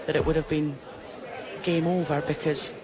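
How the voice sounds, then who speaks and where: Low-voiced woman co-commentating on darts. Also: fairly even intonation, normal speed. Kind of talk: live sports commentary. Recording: busy crowd behind commentary. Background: darts crowd.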